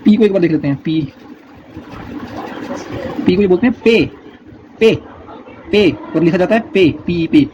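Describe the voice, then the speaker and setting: A man teaching a language lesson, repeating letter sounds slowly and patiently in a casual spoken style. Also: high-pitched, mellow. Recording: dull lo-fi recording, faint noise.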